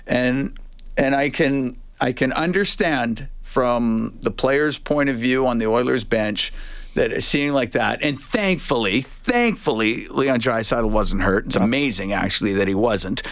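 A Canadian man co-hosting sports radio, giving casual commentary in a measured, halting way. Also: medium pitch, animated, a bit bright, dry recording. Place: radio studio.

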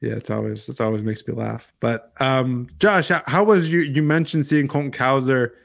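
A man co-hosting a casual sports podcast, talking in a halting way and repeating words as he thinks. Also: mid-range voice, fairly even intonation, creaky, fairly bright tone. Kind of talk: casual baseball chat.

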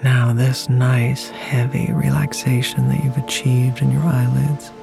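A guided meditation host speaks very slowly over clearly audible music. The delivery is deliberate and soothing, leaving long pauses as it leads a relaxation hypnosis. The voice sits at a medium pitch. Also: level tone. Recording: music playing behind the voice.

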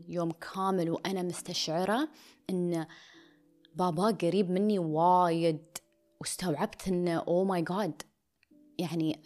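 A woman speaking in an intimate, confessional way, often dropping to a near whisper and slipping into English phrases. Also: on the low side. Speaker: vlogger. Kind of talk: personal confessional monologue.

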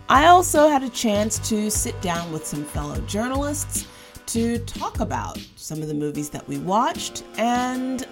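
A woman hosts a podcast from a table at a film festival, opening the show and leading a roundtable chat in an upbeat, chatty manner. Her voice is mid-range and a bit nasal, since she's getting over a cold, and the room sounds echoey.

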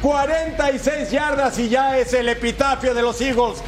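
A man presenting American football highlights with touchdown calls, playful and exclamatory, throwing in rhetorical questions. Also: fairly even intonation, normal speed.

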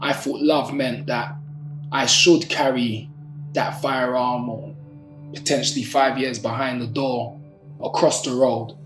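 Casting: male storyteller, South London accent, mid-pitched and articulate, reflective delivery, music underneath. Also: level tone, slow pace, a bit bright. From Brixton, South London. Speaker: social entrepreneur, activist and poet telling their story. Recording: roomy echo, music underneath.

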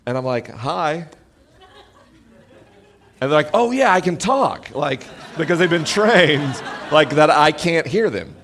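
Speaking slowly into an amplified mic, a podcast host with a deep, booming voice addresses the audience from the stage at a live event. He is animated and pokes fun at himself.

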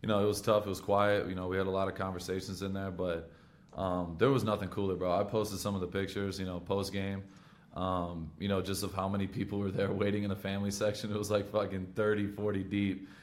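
A man's voice: low-pitched, little pitch movement, fairly quick. A man from Michigan with an American accent, chatting casually on a podcast in slangy, profane frat-bro talk. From Michigan, USA. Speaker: pro football player on his own podcast.

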